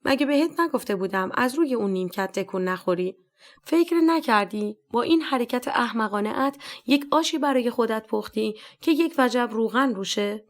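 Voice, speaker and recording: A woman's voice: on the high side, lively intonation, natural voice. A woman voicing a stern, scornful male police captain who scolds harshly and talks down sarcastically. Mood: scolding.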